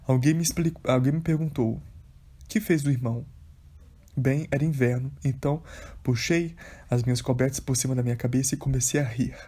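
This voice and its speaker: Husky-voiced man reading a devotional book. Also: medium pitch, steady tone, fairly quick, mellow. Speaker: audiobook reader.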